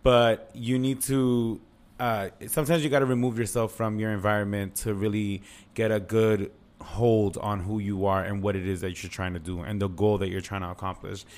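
A man's voice: fairly low pitch, little pitch movement, normal speed, a little mellow. Candid, slangy man co-hosting a podcast. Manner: candid, slangy, heavy swearing. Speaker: podcast co-host. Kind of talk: casual chatty podcast talk.

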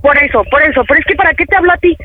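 Man faking a shrill defiant young wife. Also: very fast, narrow, tinny audio, slight background noise. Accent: Mexican. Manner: shrill, combative, foul-mouthed. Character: angry defiant young woman, cheating wife. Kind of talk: prank call role-play.

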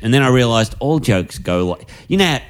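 A man's voice: mid-range voice, expressive, moderate pace, clean tone. A man, a stand-up comedian co-hosting a podcast, chatting in a crude, rambling way and laughing often. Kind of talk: casual podcast banter.

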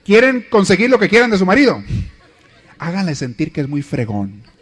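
Guy teaching a marriage class, jokes a lot, acts out little scenes, kinda high voice for a man. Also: very animated, moderate pace. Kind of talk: lively lecture.

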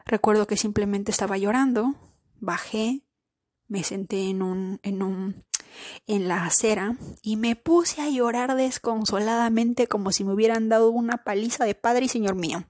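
A woman's voice: medium pitch, moderate pace, a little mellow, dry recording, studio quality. A woman in her thirties hosting a podcast, telling a personal story in a chatty way, speaking straight to her listeners and repeating words as she searches for them. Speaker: podcast host.

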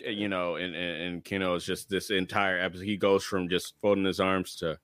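A man co-hosting a casual podcast chat, thoughtful and hesitant, filling pauses with "you know". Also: sits low, level tone, fairly bright tone, no room sound, studio quality. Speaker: podcast co-host.

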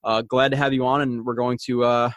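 A man's voice: mid-range voice, little pitch movement, brisk, no echo. A young man hosting a sports podcast in a casual, rambling, informal and mildly salty way. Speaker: podcast host.

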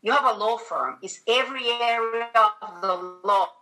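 As a guest on a podcast, a middle-aged woman with a Venezuelan accent and native Spanish recounts personal stories in conversation. Her voice is a little high and sharp, her speed normal, and her manner emphatic.

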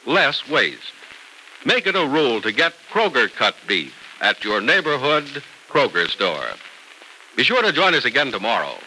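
An American man in the emphatic, salesmanlike manner of an old radio announcer, presenting a serial and pitching its sponsor. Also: bright, forceful tone, rough recording. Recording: old radio recording, faint noise.

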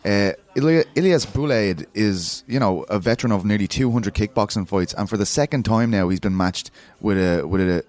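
A man's voice: on the low side, moderate pace, few pauses, darkish tone. A man hosting a casual sports discussion, emphatic and repeating phrases for stress. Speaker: podcast host.

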